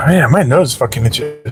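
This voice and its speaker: A man's voice: mid-range voice, gravelly, a bit bright. A man chatting casually with his live-stream viewers while waiting for rides in his parked car, rambling and swearing freely.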